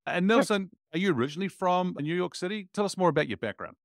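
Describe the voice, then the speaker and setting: A man's voice: sits high, lively intonation, fast talker, dry recording, clean studio sound. A man hosting a podcast interview, upbeat and full of praise as he questions his guest. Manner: enthusiastic, frequent praise words. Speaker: podcast host.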